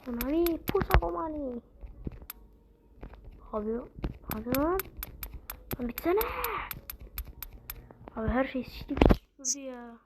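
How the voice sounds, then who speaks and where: Excitable high-voiced woman gamer. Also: slow pace, pauses often. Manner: excitable, slangy, bursts into shouting. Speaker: gaming channel host. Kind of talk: casual gameplay commentary. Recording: loud background noise.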